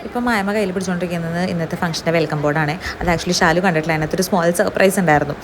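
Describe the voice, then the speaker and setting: A woman with a Kerala accent narrates a vlog at a very rapid pace. Her voice is a little low, and she drops English words into Malayalam as music plays clearly behind her. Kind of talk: chatty voice-over narration. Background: loud music.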